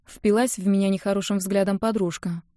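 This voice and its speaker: A woman narrating an audiobook in the first person, lively and expressive. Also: medium pitch, fairly quick, dry recording, clean studio sound. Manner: lively, indignant when quoting herself.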